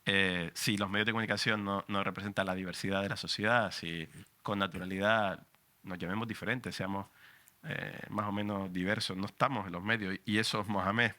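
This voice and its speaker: Canarian journalist, forties, passionate panel speaker, sharp bright tone, lowish voice. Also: male voice, fairly even intonation, a little fast. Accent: Canarian Spanish. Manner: passionate, emphatic, frank and profane. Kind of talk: public talk at a book presentation.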